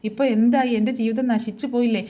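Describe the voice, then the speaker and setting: A woman's voice: on the high side, steady tone, quick pace, warm tone, close to an everyday voice. A woman voicing a bitter, angry middle-aged mother in a TV serial retelling, speaking in harsh scolding tones. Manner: harsh scolding, then tearful complaining.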